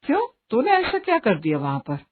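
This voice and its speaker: Woman playing a brisk, scolding mother. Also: on the high side, wildly swooping pitch. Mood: concerned. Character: scolding middle-aged mother. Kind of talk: Hindi story voice acting. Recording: tinny phone-like audio, faint hiss.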